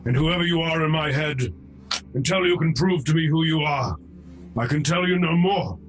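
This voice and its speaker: A man's voice: fairly high pitch, moderate pace, pitched above the performer's own voice, natural voice. Man playing a guarded, defiant young mortal. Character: guarded, defiant mortal, nineteen, questioning a spirit. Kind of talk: tabletop role-play.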